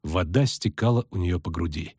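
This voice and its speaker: A man reading a fantasy novel aloud in measured, even narration. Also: sits low, slightly rough, no echo, clean studio sound. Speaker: audiobook reader. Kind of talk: scripted narration.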